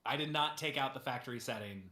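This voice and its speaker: A man playing a tabletop game, talking casually and haltingly as he thinks aloud. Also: mid-range voice, bright, forceful tone. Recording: roomy, echoey sound.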